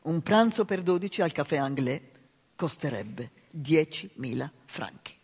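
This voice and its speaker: A woman reading aloud gives voice to a weary, dignified exiled cook in a storybook reading, speaking quietly and gravely. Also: sits low, lively intonation, a little slow, heavily acted. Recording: reverberant live hall reading.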